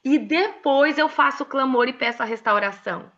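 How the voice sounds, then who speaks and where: Bright-voiced Brazilian woman, emotional storyteller. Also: high-pitched, normal speed, highs cut off. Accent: Brazilian Portuguese. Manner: emotional and expressive, laughs often. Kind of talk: casual mentoring talk with personal stories.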